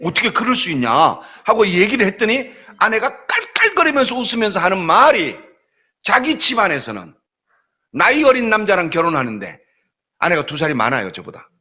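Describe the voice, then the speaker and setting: A middle-aged man from South Korea, a pastor preaching a sermon and telling family stories in an animated way, acting out other people's voices. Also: high-pitched, fairly quick, husky. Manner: animated storytelling, acts out voices, laughs often. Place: church sanctuary.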